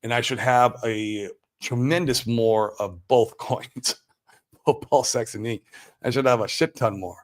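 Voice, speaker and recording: A medium-pitched American man hosts a livestream at a measured pace. He chats casually and responds to viewer comments live, using slangy, exclamatory language.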